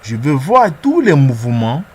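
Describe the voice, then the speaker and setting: A man's voice: mid-range voice, huge pitch swings, unhurried, darkish tone, a little hiss or hum. A man narrating a screen-recorded tutorial as its presenter, talking through each step hesitantly and repeating words as he clicks.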